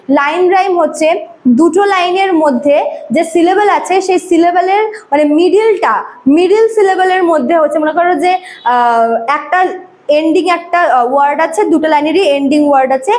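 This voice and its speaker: High-voiced woman teaching a class. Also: darkish tone. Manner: repeats and rephrases, many fillers and "ঠিক আছে?" checks. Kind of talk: explaining a lesson to students.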